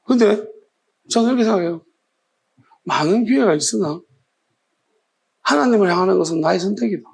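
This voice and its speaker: A man's voice: high-pitched, animated, brisk, vocal fry, long pauses, slightly rough. A male pastor preaching a sermon, firing off challenging rhetorical questions in a scolding tone.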